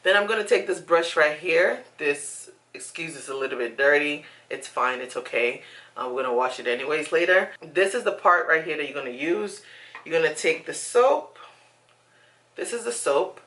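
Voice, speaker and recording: A woman's voice: low-pitched, a bit bright. A young woman giving a casual, chatty beauty tutorial to camera, emphatic and fond of repeating words. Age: young adult. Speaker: beauty vlogger. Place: small indoor room at home.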